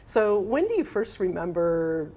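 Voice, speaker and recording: Middle-aged woman, interview host, gravelly lowish voice, encouraging, faint hiss. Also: big pitch swings, a little slow, mellow. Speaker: school superintendent, host.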